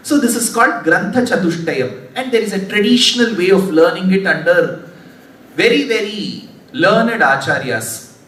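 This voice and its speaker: Speaking to an audience in a large, echoey hall, this religious discourse speaker, a man whose first language is Tamil, has a high, somewhat bright and animated voice. His delivery is slow, measured and formal, drawing on scriptural vocabulary. Faint hiss and a distant microphone are audible in the recording.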